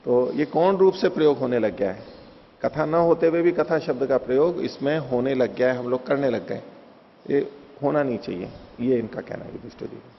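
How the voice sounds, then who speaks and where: A man's voice: mid-range voice, normal speed, slight background noise. A man giving a Hindi lecture on Vedic philosophy, explaining with everyday examples and the occasional chuckle. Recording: dull lo-fi recording in a reverberant hall.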